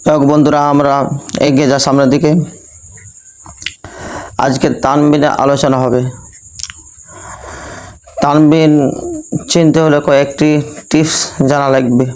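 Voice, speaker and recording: High-voiced Bangladeshi man teaching recitation. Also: flat delivery, unhurried, long pauses, a little mellow, poor audio. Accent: Bangladeshi Bengali. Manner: repetitive, asks students rhetorical questions. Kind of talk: classroom lesson with call-and-response.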